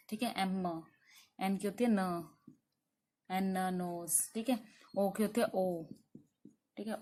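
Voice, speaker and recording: A woman teaching English pronunciation, going step by step, asking her own questions and answering them, and drilling sounds slowly with frequent check-ins. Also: medium pitch, a little mellow. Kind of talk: classroom lesson.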